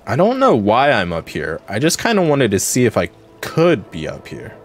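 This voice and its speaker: A man's voice: medium pitch, huge pitch swings, moderate pace, a little hiss or hum. A man streaming a video game at home, chatting casually and rambling with lots of "like" and "um". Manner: chatty and rambling, many fillers like "like" and "um". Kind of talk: casual gameplay commentary.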